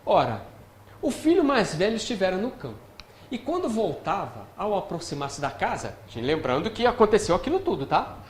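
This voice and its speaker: With a high voice and wildly swooping pitch, a man speaking at normal speed in a Brazilian Portuguese accent lectures on scripture from a spiritist perspective. His style is conversational, with frequent check-ins to the audience, and the center's lecture hall sounds echoey with faint noise.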